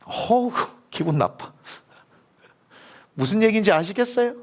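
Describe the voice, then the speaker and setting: Middle-aged male pastor, sermon delivery. Pitch a touch high, very animated melody, plenty of rhetorical questions to the congregation. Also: unhurried. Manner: lively storytelling, acting out biblical figures in colloquial voices.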